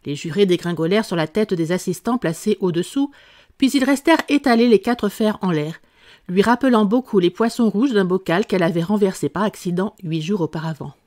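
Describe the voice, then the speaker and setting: Expressive French woman reading a storybook. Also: mid-range voice, a little fast. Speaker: audiobook narrator. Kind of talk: scripted narration.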